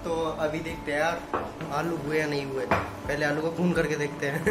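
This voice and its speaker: Young male vlogger, chatty and teasing, phone mic, echoey kitchen, loud music behind. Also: on the high side, fairly even intonation, normal speed. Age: 20s. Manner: chatty, teasing, addresses viewers directly. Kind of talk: casual home vlog. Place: home kitchen, later a rooftop at dusk. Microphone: phone at arm's length.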